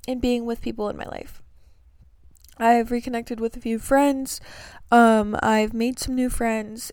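A woman's voice: on the high side, darkish tone, clean tone, no room sound, clean studio sound. A young woman chatting to camera about her life, earnest and sleepy, with many fillers. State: sleepy, yawning. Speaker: vlogger giving breakup advice. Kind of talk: casual chat to camera.

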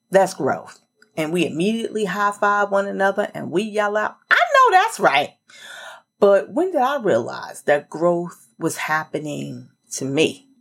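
A woman's voice: fairly low pitch, vocal fry, husky. A middle-aged woman hosting a solo motivational podcast, chatty and emphatic, talking straight to the listener. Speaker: podcast host.

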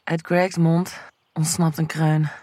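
A woman reads an erotic audio story aloud in a sensual, storytelling manner. She takes her time over every phrase at an unhurried pace. The sound is dry and close, with no room around it. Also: low-pitched, little pitch movement, mellow, dry recording. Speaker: narrator. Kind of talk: scripted erotic story narration.

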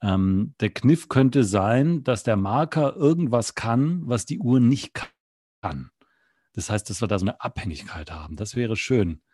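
A man with a husky, slightly breathy voice who tells a story off the cuff and stops to reason aloud about his next move. The sound is dry and close. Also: medium pitch, animated, a little slow, darkish tone, no echo. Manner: thinking aloud, explaining his steps. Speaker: improviser. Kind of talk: improvised storytelling with think-aloud commentary.

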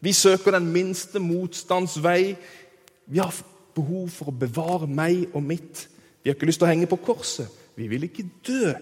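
Lively preacher. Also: male voice, sits high. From Kristiansand, southern Norway. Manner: lively, engaging, asks the audience questions. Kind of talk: storytelling sermon. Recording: reverberant hall.

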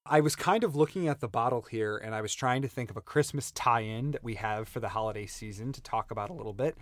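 A man co-hosting a casual podcast chat, tasting wine and rambling through stories in a relaxed, joking way with lots of fillers. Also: mid-range voice, fast talker.

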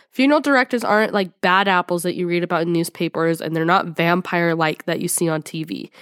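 A woman podcast co-host with a slightly rough throat from being sick, reading an article aloud in a chatty, giggly way. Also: on the low side, dry recording, studio quality. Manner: chatty, giggly, many "like" fillers.

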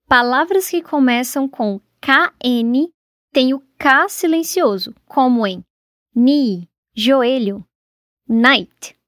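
A Brazilian woman reading a scripted English pronunciation lesson for a podcast, clear and deliberate as she pairs each word with its translation. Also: high voice, no room sound, clean studio sound. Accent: Brazilian Portuguese.

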